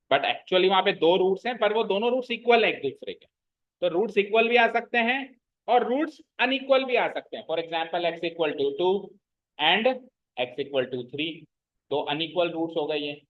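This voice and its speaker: A man with a high-pitched voice teaches a class, explaining step by step and repeating the key terms. He keeps stopping to check that the students follow. The recording sounds dull and lo-fi. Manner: checks understanding with frequent questions to the class. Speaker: maths teacher. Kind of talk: classroom lecture.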